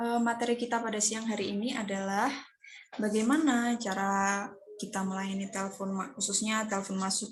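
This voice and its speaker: A woman teaching an online class in a hesitant, encouraging way. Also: mid-range voice. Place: online Zoom meeting. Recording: faint noise, online video call.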